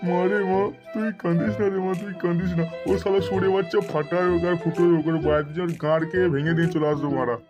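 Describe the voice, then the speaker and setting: A man's voice: high voice, steady tone, racing, hardly any pauses, natural voice. A brash cartoon father with a slightly raised voice boasts and hurls foul-mouthed threats, as a man puts him on. Music runs behind him throughout. It sounds like a homemade cartoon dub. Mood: coaxing. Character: hot-tempered cartoon father, crude and loud.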